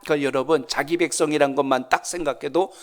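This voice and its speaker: A male pastor delivers a sermon in a church with an earnest, storytelling manner. His voice sits a little higher than most men's. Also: fairly even intonation, quick pace. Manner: earnest storytelling preacher, acts out quoted voices. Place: church sanctuary.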